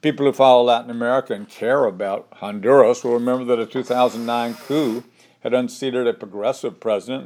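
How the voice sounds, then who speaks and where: An older man reads a scripted commentary segment, measured and opinionated, as the host. His mid-pitched voice stays steady and deliberate from start to finish.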